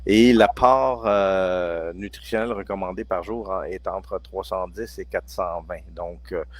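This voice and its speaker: A deep, low-pitched man in his sixties with a Quebec French accent. He explains sleep remedies in a relaxed, conversational way. He hesitates and restarts his phrases often. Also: a little slow. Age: 60s. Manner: hesitant, many restarts and fillers. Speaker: guest pharmacology researcher. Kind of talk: casual expert chat.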